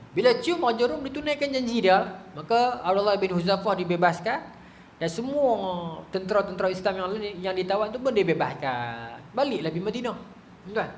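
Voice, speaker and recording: A man giving a storytelling religious lecture, colloquial and animated, often checking in with his listeners. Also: high-pitched, reverberant, a little hiss or hum.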